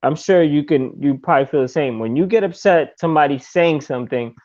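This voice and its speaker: A man talking casually as a podcast guest, animated, jumping into high voices to act out his own thoughts. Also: a little fast. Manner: animated, acts out his own inner voice in high squeaky tones. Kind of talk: casual conversation. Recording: dull lo-fi audio.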